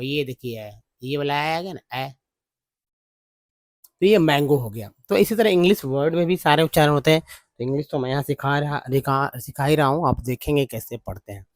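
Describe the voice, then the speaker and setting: A man teaching English spelling and pronunciation, slowly sounding out each letter and repeating words many times. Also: a little high, no room sound.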